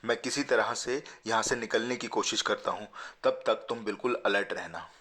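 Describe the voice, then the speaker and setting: A man voicing a frightened young man trapped in the dark, urgent and pleading in a hushed tone. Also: lowish voice, normal speed. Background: background music.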